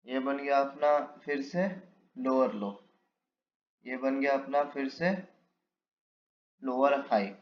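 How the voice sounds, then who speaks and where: Male trading teacher, casual walk-through, quizzes himself as he draws; lo-fi mic in an echoey room. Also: medium pitch. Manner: explains while drawing, asks and answers his own questions. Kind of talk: casual step-by-step chart lesson. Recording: echoey room, dull lo-fi mic, faint hiss.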